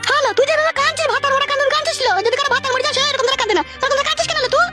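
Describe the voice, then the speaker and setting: A woman voicing village women in a comedy cartoon, shrill, scolding and lamenting. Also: very fast, pushed and bright, soft background music.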